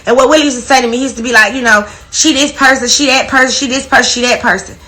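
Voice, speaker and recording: A woman's voice: on the high side, pushed and bright. Crying woman ranting defensively. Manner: emotional, defensive, profane ranting. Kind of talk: emotional live video statement.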